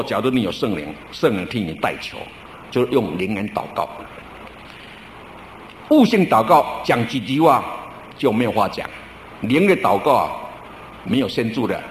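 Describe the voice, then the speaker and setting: A man's voice: on the low side, animated, a little hiss or hum. Man preaching a folksy sermon. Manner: conversational storytelling preaching with drawn-out particles. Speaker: pastor. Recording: roomy church recording with faint ambience.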